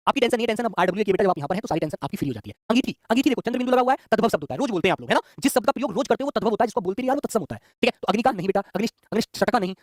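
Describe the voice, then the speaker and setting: A man's voice: high-pitched, dry recording, studio quality. A man teaching an exam-prep Hindi grammar lesson, affectionately calling his students children and repeating each question.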